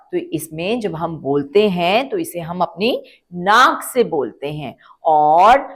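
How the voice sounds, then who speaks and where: A woman leads a phonics class for young children. She speaks at a very slow, deliberate pace, stretching the sounds and repeating each word. She asks questions and answers them herself. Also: on the low side. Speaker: children's Hindi teacher. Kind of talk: slow, drawn-out phonics lesson for kids.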